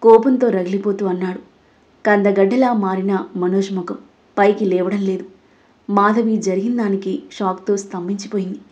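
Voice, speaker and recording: A woman narrating a Telugu audio story in a steady, dramatic storytelling manner. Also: medium pitch, normal speed.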